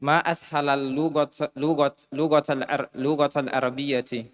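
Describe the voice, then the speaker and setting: Halting male student reciting, roomy echo. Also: mid-range voice, fairly even intonation. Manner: halting, restarts words while reciting. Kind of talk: reciting answers in class.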